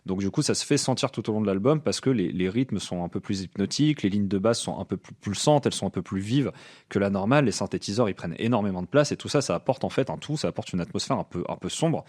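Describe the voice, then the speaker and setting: A man with a somewhat low voice, talking casually on a podcast. He speaks with enthusiasm, often restarting his sentences and filling pauses as he goes. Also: lively intonation, a little mellow. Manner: enthusiastic, frequent fillers and restarts. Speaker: podcast co-host. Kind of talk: casual music chat.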